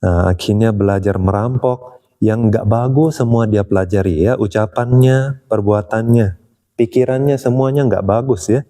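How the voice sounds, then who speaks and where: A man's voice: lowish voice, normal speed, dark tone. A man retelling a religious tale in a casual, chatty way, often tagging his sentences and chuckling.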